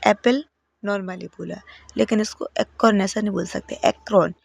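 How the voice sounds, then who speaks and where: A woman teaching English phonics at home, patiently calling out word lists and stressing each word loudly. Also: mid-range voice, steady tone, normal speed, gravelly, no echo.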